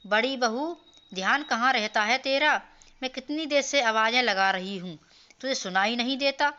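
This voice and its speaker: A woman's voice: on the high side, normal speed, bright, forceful tone, highs cut off. A woman voicing a nagging older mother-in-law in a cartoon story, scolding as she talks. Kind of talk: storybook voice acting.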